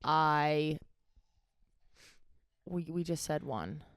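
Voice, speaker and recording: A woman with a low voice talks casually, like a co-host among friends. She is halting, often searching for the right word and rephrasing herself. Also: clean tone, dry recording, studio quality. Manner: halting, searching for words, self-correcting. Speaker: podcast or vlog co-host. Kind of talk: casual chat about their own wedding.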